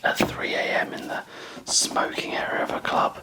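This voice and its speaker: A person whispering a casual, self-deprecating ASMR ramble in a breathy, unvoiced voice, musing in a chatty way. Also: normal speed. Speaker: ASMR video creator.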